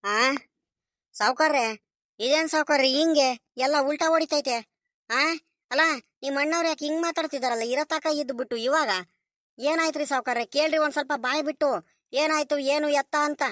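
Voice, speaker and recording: A fussing village servant woman in a cartoon, voiced by a woman, repeatedly urging her master. Her voice is high and the recording is dry and close. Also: moderate pace, long pauses, fairly bright tone, no room sound. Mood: puzzled. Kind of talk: animated cartoon voice acting.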